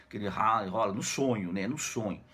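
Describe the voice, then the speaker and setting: A man's voice: fairly low pitch, fast talker, bright, forceful tone, slightly rough. Brief: Brazilian male teacher, middle-aged, jokey and slangy, tags every phrase with "né?". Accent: Brazilian Portuguese. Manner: jokey, slangy, constant "né?" tags, acts out characters' lines. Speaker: literature teacher. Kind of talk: casual retelling of a novel for students.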